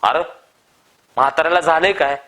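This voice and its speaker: A man voicing a seasoned middle-aged male farmer who calls out loudly and pleads. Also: medium pitch, fairly even intonation, moderate pace, lightly acted. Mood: calling loudly. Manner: loud calling, pleading.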